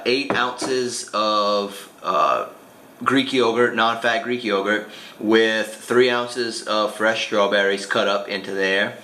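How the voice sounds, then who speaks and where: A young man talking quickly and chattily to the camera as a fitness vlogger. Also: on the low side, bright, forceful tone. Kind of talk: casual vlog talk. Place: gym.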